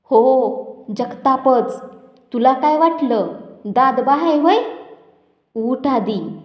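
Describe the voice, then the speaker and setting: Woman doing a furious rough village man. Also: high voice, lively intonation, very slow, exaggerated voice. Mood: angry, threatening. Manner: shouting abuse, loud and fierce. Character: hot-tempered village man, rough and threatening. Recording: roomy with long reverb.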